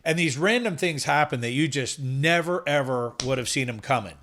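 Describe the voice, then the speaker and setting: A man's voice: mid-range voice, lively intonation, normal speed, a bit bright, a little hiss or hum. A middle-aged man hosting a podcast, asking long rambling questions in a friendly, casual way. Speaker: podcast host. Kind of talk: casual interview chat.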